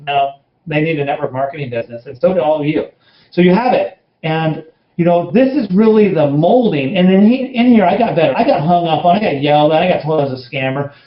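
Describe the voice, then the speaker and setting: A man telling his network marketing story in an interview, blunt and emphatic, speaking from home. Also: on the high side. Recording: roomy, dull lo-fi sound.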